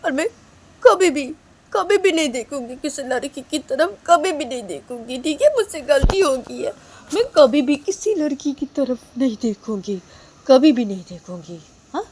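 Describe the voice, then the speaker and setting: A woman's voice: high-pitched, lively intonation, moderate pace, darkish tone, slight background noise, pitched above the performer's own voice. A woman voicing a tearful young woman who keeps pleading and apologizing, crying as she begs. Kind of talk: storytelling role-play.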